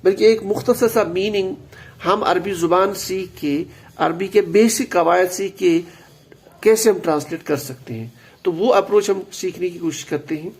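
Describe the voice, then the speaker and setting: Male grammar teacher, high and gravelly, patient, repeats key terms for students. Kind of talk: explanatory lesson.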